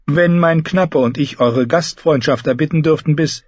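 A woman's voice: sits low, normal speed, darkish tone, dry recording, highs cut off, pitched above the performer's own voice. A man reading an audiobook, voicing a tall, earnest woman knight who speaks politely and with restraint.

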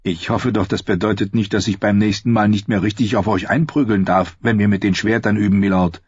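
A brash sword master, played by a man, jokes in a low, husky voice close to the narrator's own. The delivery is dry and blunt. The recording sounds slightly dull. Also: fairly even intonation, fairly quick, dry recording. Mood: joking.

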